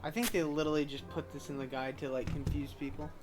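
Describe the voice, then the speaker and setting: A woman's voice: sits low, steady tone, quick pace, heavy background noise. A woman giving casual, candid, offhand commentary as she plays a game. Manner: candid, offhand, mild swearing. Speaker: gamer commenting on a playthrough. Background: game music.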